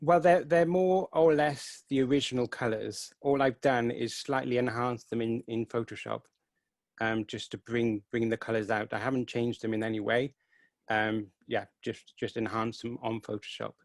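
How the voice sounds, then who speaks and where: Over a video call on a headset, a man from Wales in his thirties talks earnestly and enthusiastically about his photography in casual interview answers. His mid-range voice is steady and moderately paced, with studio-quality sound and no echo.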